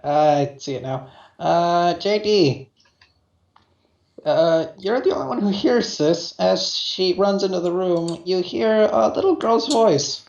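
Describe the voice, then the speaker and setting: Tabletop game master, unhurried, medium pitch, improvised narration, dull roomy recording. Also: creaky, darkish tone. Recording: echoey, dull room recording.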